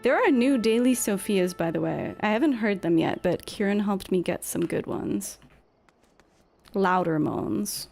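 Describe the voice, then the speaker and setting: A woman's voice: medium pitch, animated, measured pace, vocal fry, a little mellow, soft background music. A young woman streamer chatting casually while gaming, swearing and laughing at herself.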